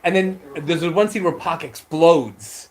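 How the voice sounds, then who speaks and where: A man co-hosting a casual podcast about an old movie, talking in a fairly high voice. He gets animated, laughs a lot and acts out lines from the film. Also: unhurried. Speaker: podcast co-host. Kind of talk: casual movie-review chat.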